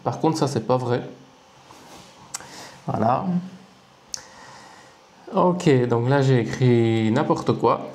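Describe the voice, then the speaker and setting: A man's voice: mid-range voice, slow pace, long pauses, a little mellow. A man casually walking through his screen, chatty and amused, thinking aloud as he goes. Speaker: language-learning video creator. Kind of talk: casual screen-recording commentary.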